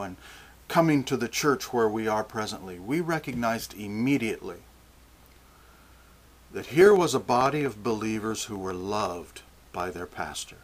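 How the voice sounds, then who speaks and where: An older man preaching a sermon, slow and deliberate, often restarting his phrases. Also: fairly low pitch.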